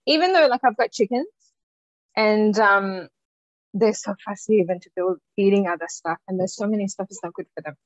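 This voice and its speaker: A woman's voice: medium pitch, a little fast, no echo. A woman casually hosting an online business call in an effusive, chatty way that jumps between thoughts. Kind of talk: casual chat, informal hosting. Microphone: video call microphone. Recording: dull lo-fi call audio.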